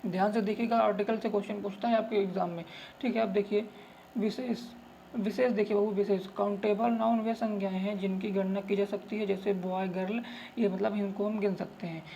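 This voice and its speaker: A man's voice: high voice, level tone, a little fast, creaky, warm tone. Man, grammar teacher, coaxing, repetitive, lo-fi recording, faint hiss. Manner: repetitive, coaxing, keeps saying "look" and "okay"; calls students "babu" affectionately. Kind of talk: tutorial lesson.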